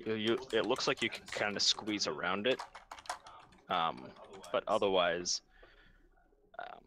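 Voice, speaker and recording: A young man with a low, bright-edged voice narrates a tabletop game as its game master. He talks in a relaxed, meandering way, stopping often for fillers. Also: measured pace, slight background noise. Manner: relaxed, hesitant with many fillers.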